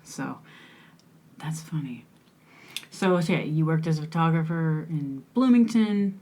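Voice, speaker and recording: In a relaxed interview conversation, the young host speaks low, unhurried, and a little mellow. She keeps things chatty and affirming with plenty of little listening cues.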